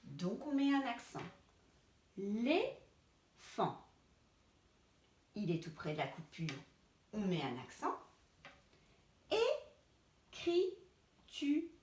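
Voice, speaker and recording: A woman's voice: medium pitch, big pitch swings, slow pace, long pauses, a little mellow, reverberant. A woman teacher giving a spelling lesson to children, patiently sounding out words syllable by syllable. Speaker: primary school teacher.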